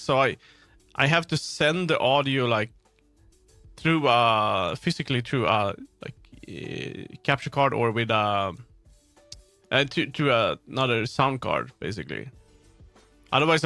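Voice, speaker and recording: Using a streaming microphone on a sound card, a man talks informally about tech gear on a livestream, swearing often while music plays behind him. His voice is mid-range with a sharp tone, and there is no room sound.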